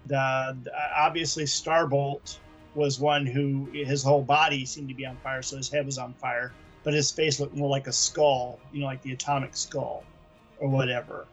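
A man's voice: medium pitch, flat delivery, normal speed, soft background music. A man co-hosting a podcast, chatting casually about comics in a rambling, enthusiastic way. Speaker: podcast co-host.

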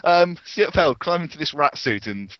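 Male podcast guest, bright mid-pitched voice, eager trivia telling, dry dull audio. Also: lively intonation, normal speed, dry recording. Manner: enthusiastic storyteller of behind-the-scenes trivia. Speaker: podcast panelist. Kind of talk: casual panel chat.

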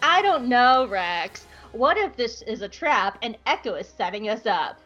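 A woman's voice: fairly high pitch, sing-song, a little slow, fairly bright tone, faint music behind, full character voice. A woman voicing a worried, nerdy male clone soldier who questions everything, on dull muffled audio.

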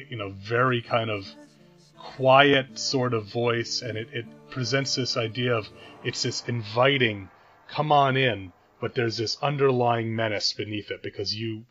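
A man's voice: mid-range voice, fairly even intonation, normal speed, a bit bright, muffled recording, soft background music. A man co-hosting a podcast, talking through an album thoughtfully with many restarts and fillers. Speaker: podcast co-host. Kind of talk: casual album discussion.

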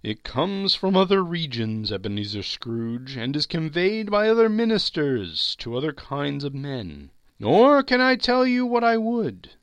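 A man voicing the doomed, anguished ghost of a businessman in a storybook reading, with drawn-out, solemn lamenting. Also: fairly high pitch, sing-song, clear, resonant tone, no echo, voice pushed up.

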